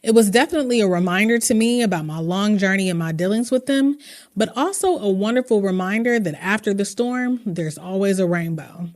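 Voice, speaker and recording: A woman's voice: medium pitch, expressive, fairly quick, darkish tone. A woman hosting a podcast, emotional and heartfelt as she thanks her guest and closes the episode. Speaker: podcast host. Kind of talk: podcast interview and outro.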